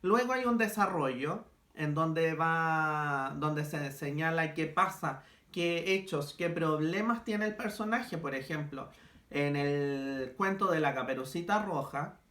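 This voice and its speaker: Male schoolteacher, bright tone, slow careful delivery to kids, echoey room. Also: fairly high pitch. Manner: slow, stretched-out examples for children. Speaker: school language teacher. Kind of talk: recorded class for young pupils.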